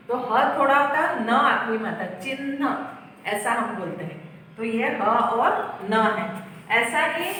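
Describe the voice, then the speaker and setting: A woman's voice: fairly high pitch, sharp tone, a little hiss or hum. A woman teacher patiently explaining how to write and pronounce letters, step by step, in a lesson. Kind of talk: Hindi grammar lesson. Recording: echoey room, far from the mic.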